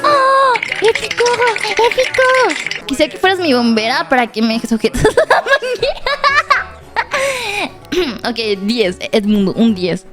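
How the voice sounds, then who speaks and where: A young woman giving casual gameplay commentary, laughing often, shouting at the game and reading pickup lines aloud. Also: a little high, very animated, a little slow, pauses often, music in the background. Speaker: streamer.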